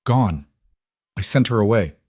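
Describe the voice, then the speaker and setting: A man's voice: fairly low pitch, lively intonation, measured pace, dark tone, breathy edge, no room sound, clean studio sound. A man voicing a protective male crime boss who speaks hard and commanding.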